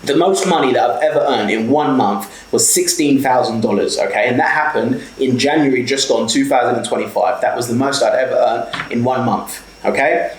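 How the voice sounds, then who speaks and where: A twenty-something South London man, a mentor who owns a small business, talks a little fast with few pauses in a medium pitch, bluntly motivating the camera with plenty of swearing and repeated "okay?". The rough recording has an echoey room and slight background noise.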